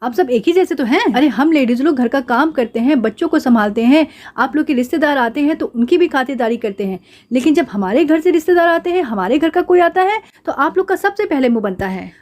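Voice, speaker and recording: A woman's voice: high-pitched, expressive, a little fast, darkish tone. A woman voicing a hot-tempered middle-aged aunty who scolds and threatens to leave her husband, in a doll drama. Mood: indignant. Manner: scolding, indignant.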